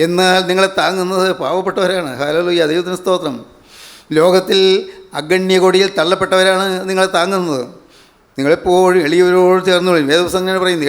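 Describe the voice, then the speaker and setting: Fervent older Malayali preacher. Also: male voice, high-pitched. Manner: fervent, repetitive cadence with frequent hallelujahs. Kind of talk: sermon.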